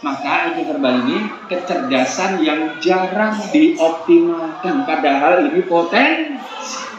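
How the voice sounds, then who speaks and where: A man in his forties giving a joking, animated parenting seminar talk and putting questions to the audience. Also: a little high, unhurried, over music. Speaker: seminar speaker. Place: seminar hall. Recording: echoey hall, dull lo-fi sound, clear room noise.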